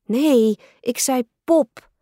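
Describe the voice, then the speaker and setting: Storybook kid sister, small girl, whiny and pleading, high and slow, put on by a woman reader. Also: warm tone, dry recording, clean studio sound. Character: whiny pushy little girl, younger sister.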